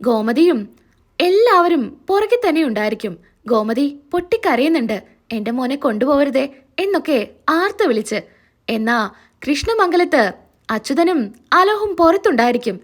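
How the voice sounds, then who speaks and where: A woman with a high voice recaps a TV serial in a casual spoken way. She walks through each scene and reads all of the characters' dialogue herself. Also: sing-song, normal speed, pauses often.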